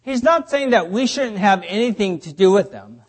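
A high-pitched man gives a sermon in short bursts, then pauses while an interpreter translates. His delivery is measured and plain, and each phrase is kept brief so it can be handed on. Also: expressive, breathy edge. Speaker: preacher.

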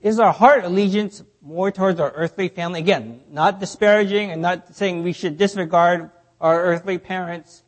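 High-voiced man preaching in short phrases. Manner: speaks in short phrases, pausing for translation. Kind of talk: sermon delivered through an interpreter.

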